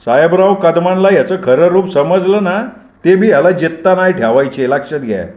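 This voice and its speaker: A man voicing an enraged young village man who shouts threats in a storybook reading. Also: on the high side, lively intonation, normal speed, voice pushed up, natural voice. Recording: roomy echoey recording.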